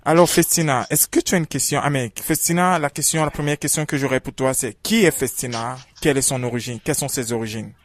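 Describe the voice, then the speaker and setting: A man hosting a radio interview, talking with many halting fillers. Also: mid-range voice, dry recording. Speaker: radio host.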